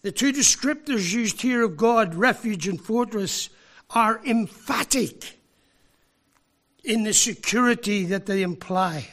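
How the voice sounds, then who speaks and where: A man from Ireland, preaching a sermon with emphatic rhetorical questions and deliberate pauses. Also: high-pitched, fairly bright tone. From Northern Ireland.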